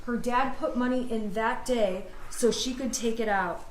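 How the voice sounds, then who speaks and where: A woman's voice: a little high, measured pace. An American woman, a defense attorney, delivering a passionate, emphatic closing argument in court. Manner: passionate, emphatic, insistent arguing. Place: indoor courtroom. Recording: echoey courtroom with background noise.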